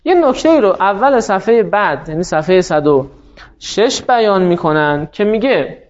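A man with a high, light voice lectures a class, walking through each point and answering the questions he raises. The recording is dull and lo-fi, with muffled highs. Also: expressive. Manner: explanatory, poses and answers his own questions. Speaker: teacher.

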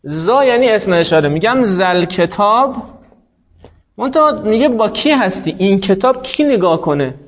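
In a grammar lesson, a man with a high-pitched, expressive voice explains things patiently and pauses to stretch out example words slowly. The audio is dull and lo-fi with little top end, plus a little hiss or hum.

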